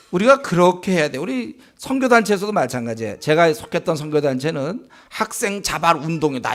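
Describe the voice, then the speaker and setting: A male pastor preaching in a conversational way, asking the congregation rhetorical questions and acting out remarks in a slower, lower voice. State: sore throat. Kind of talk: sermon. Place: church sanctuary.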